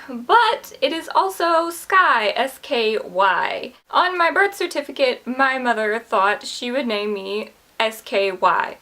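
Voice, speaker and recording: A woman's voice: on the high side, pushed and bright. A woman in her twenties, a book vlogger talking casually to camera in a chatty, candid, self-deprecating way. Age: 20s.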